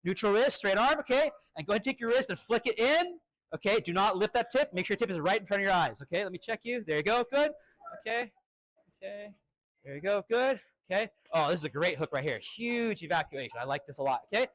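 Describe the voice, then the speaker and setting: A male fencing instructor running a live drill with crisp, short commands and encouraging words. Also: high-pitched, lively intonation, fast talker, fairly bright tone, no echo.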